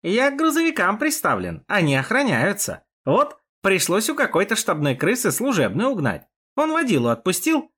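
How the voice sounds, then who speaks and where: A man voicing an eager, loyal young driver with quick, excited exclamations. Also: on the high side, breathy edge, exaggerated voice. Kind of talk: audiobook character voice.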